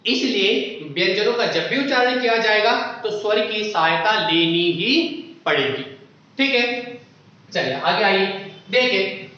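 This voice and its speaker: Male teacher, high voice, explaining step by step with questions to the class; roomy, lo-fi recording. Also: expressive, a little slow, pushed and bright. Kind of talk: exam-prep Hindi grammar lecture. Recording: echoey room, dull lo-fi sound.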